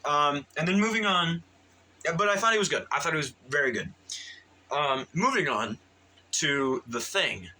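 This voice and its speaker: A man's voice: fairly high pitch, lively intonation, normal speed, sharp tone, rough recording. A man giving a casual, rambling movie review, full of fillers and restarts and eager in tone.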